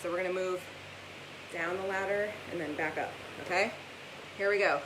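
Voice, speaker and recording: A woman's voice: on the low side, fairly even intonation, moderate pace. A woman working as a fitness instructor, calling out encouragement, cues and countdowns as she exercises through a live workout class. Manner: exerting herself while talking through the exercises. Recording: echoey room, far from mic, loud hiss.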